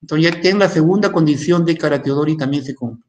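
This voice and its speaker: A man's voice: a little high, fast, darkish tone. A man teaching a recorded university math lecture in in, thinking aloud and often stopping to ask "¿no?".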